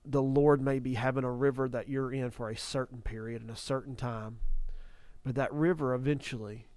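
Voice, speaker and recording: A man's voice: medium pitch, steady tone, moderate pace, a little mellow, no echo. A man hosting a faith talk show, speaking earnestly and repeating phrases for emphasis. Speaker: ministry podcast host.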